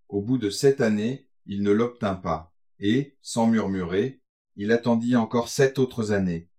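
Male reader as an old patriarch, storybook: low, slow, solemn, grave. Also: darkish tone. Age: older.

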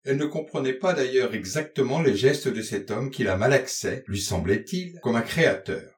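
A man narrating a literary novel aloud in a measured, expressive reading style. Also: medium pitch. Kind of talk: audiobook reading of literary prose. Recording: roomy echo.

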